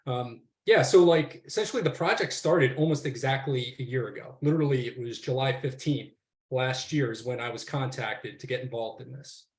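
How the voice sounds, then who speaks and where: A man's voice: medium pitch, moderate pace, reverberant. A man on the forestry faculty of a university, speaking in a casual, rambling way on a webinar panel, with many fillers and restarts.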